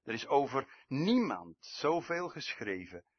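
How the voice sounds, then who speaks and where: A man preaching a sermon, swinging from loud emphatic outbursts to hushed, low passages. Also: very animated, takes it slowly, husky, muffled recording.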